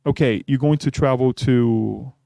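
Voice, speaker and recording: Middle-aged guy giving a spiritist talk, keeps saying "right?", mellow voice, dry sound. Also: mid-range voice, a little slow, vocal fry, no room sound. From Brazil. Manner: conversational, often adds "right?". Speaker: spiritist speaker. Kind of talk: religious talk.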